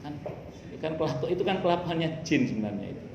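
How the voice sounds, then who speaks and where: Preacher answering questions. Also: male voice, fairly high pitch, quick pace, creaky, background noise. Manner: lively, rhetorical questions answered himself. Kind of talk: religious Q&A talk. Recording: echoey room.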